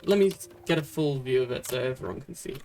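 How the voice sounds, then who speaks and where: A streamer from Britain giving casual commentary while playing a game, chatty and thinking out loud with many fillers and restarts. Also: medium pitch, fast talker, slight background noise.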